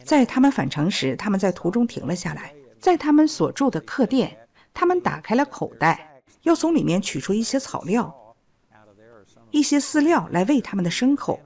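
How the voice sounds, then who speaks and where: A woman's voice: fairly high pitch, big pitch swings, moderate pace, darkish tone. A woman teaching a Bible story, retelling the scripture in plain storytelling.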